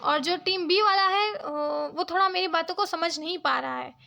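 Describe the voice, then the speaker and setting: High bright-voiced woman tutor. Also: normal speed, vocal fry. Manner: explains step by step, checks in with "ठीक है?". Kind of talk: Hindi-English exam lecture.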